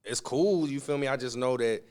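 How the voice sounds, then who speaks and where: Answering interview questions in a relaxed, slang-heavy style, a Southern California man who works as a musician and entrepreneur keeps dropping "you feel me." He speaks at a moderate pace in a mid-range voice with a darkish tone.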